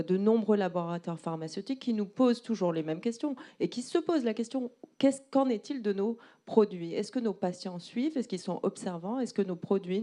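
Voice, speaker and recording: A woman's voice: mid-range voice, warm tone. A woman interpreting a presentation live, explaining and rephrasing as she goes.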